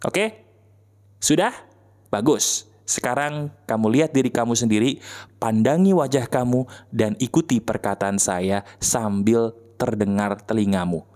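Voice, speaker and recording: A man's voice: medium pitch, unhurried, a little mellow. A man giving a conversational motivational talk, coaxing listeners with rhetorical questions and step-by-step instructions. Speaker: motivational speaker.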